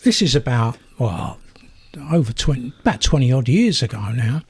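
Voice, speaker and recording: Older South London man, animated storyteller. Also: medium pitch, normal speed, husky. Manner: animated storyteller, acts out dialogue. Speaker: guest. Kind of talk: radio interview.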